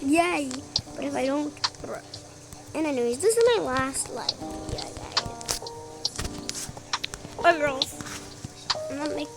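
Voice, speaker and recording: A young girl with a squeaky chipmunk-like voice giving excitable, slangy, casual gameplay commentary. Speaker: gamer recording gameplay. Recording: loud music over the voice. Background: loud music.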